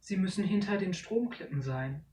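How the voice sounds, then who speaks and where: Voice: medium pitch, animated, normal speed, dark tone, far from the mic, pitched above the performer's own voice, lightly acted. The narrator of a storybook voicing an uneasy father fish who speaks warningly, in an echoey room.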